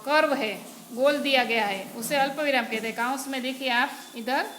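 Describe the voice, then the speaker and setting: Often saying "barabar", this Gujarati woman teacher takes a patient, step-by-step approach to explaining Hindi grammar in her lesson. She speaks at normal speed in a high-pitched, fairly bright voice, and the room is echoey with faint noise.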